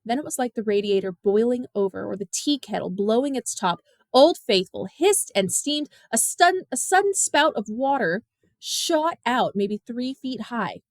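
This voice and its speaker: A woman reading a novel aloud in measured, expressive storytelling narration. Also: on the high side, no echo, clean studio sound. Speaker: audiobook narrator. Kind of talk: scripted narration.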